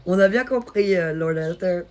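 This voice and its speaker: A woman from Switzerland with a light Swiss French accent, hosting a live stream and chatting casually with viewers in a teasing, quick-witted way. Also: lowish voice, a little mellow. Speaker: livestream host. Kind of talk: casual live-stream chat reading comments.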